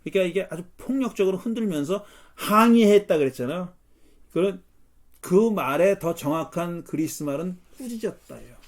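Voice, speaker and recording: A man leading a Bible study as pastor, explaining verses in an animated way and acting out the lines he quotes. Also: sits high, normal speed. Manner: animated, acts out quotes with rising intensity.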